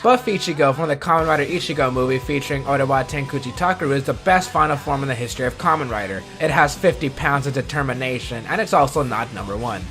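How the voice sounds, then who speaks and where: A man with a high, fairly bright voice hosts a scripted countdown, dropping wry asides at his own expense. Music sits under his voice throughout.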